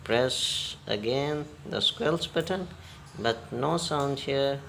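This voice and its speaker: A repair tutorial host, a man with a slow, gravelly, medium-pitched voice and a sharp tone, gives an unscripted hands-on repair demonstration. He delivers halting, step-by-step instructions in short phrases. A little hiss or hum sits under the recording.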